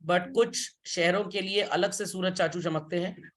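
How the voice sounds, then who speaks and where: A man's voice: sits high, fairly even intonation, a little slow, fairly bright tone. A man teaching a class, leading his students through the lesson with everyday examples. He says the important points more than once for emphasis and keeps stopping to check that everyone is following along. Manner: repeats key points for emphasis. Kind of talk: classroom lecture.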